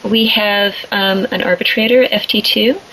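A woman's voice: mid-range voice, steady tone, normal speed, bright, forceful tone, slight background noise, rough recording. Woman hosting a call-in panel. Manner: conversational, guiding questions. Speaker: podcast host. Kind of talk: moderating a panel discussion.

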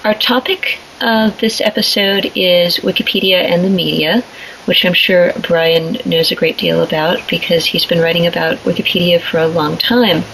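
A woman's voice: fairly low pitch, fairly even intonation, normal speed, vocal fry, a bit bright, slight background noise, poor audio. A woman hosting a podcast panel, moderating in a conversational way and guiding the talk with questions. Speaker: podcast host.

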